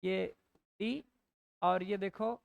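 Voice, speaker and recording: Slow-spelling Hindi-woman teacher. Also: mid-range voice, steady tone, creaky, dry recording. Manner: explains in Hindi mixed with English, slowly spells out words, asks "है ना?" often. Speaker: English teacher. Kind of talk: classroom lecture.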